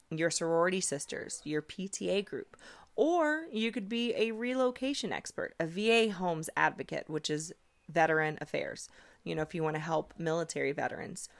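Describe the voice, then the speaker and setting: A woman's voice: lowish voice, moderate pace. A woman hosting a podcast, talking in an upbeat, persuasive, coaching way. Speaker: podcast host, realtor. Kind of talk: conversational podcast monologue.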